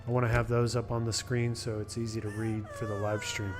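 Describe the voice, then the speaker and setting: A man's voice: lowish voice, flat delivery, brisk. A man giving casual commentary as he livestreams a video game. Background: game music.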